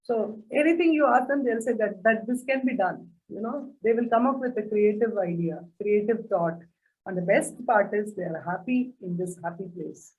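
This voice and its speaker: A woman's voice: mid-range voice, normal speed, a little mellow, far from the mic, low-quality recording. A woman speaking earnestly on a panel, telling anecdotes with many "you know"s. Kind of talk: reflective talk with anecdotes.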